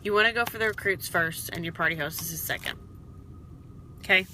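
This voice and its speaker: A woman's voice: on the low side, a little fast, sharp tone, a little hiss or hum, rough recording. A woman giving casual coaching tips to her sales team in a vlog. She is chatty and encouraging, and keeps checking in with "okay?". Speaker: direct sales team leader.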